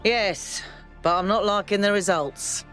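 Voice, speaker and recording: A man playing a grumpy old robot engineer in a video game, gruff, irritable and sardonic. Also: sits high, measured pace, sharp tone, faint music behind. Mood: impatient. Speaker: game character. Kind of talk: video game character dialogue.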